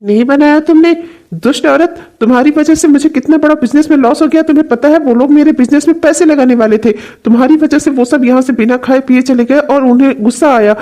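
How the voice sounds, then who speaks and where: A woman voicing a troubled young husband in a cartoon, brooding and quick to anger. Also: sits high, fairly even intonation, close to an everyday voice. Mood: furious. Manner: brooding, then shouting in anger. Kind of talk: cartoon voice acting.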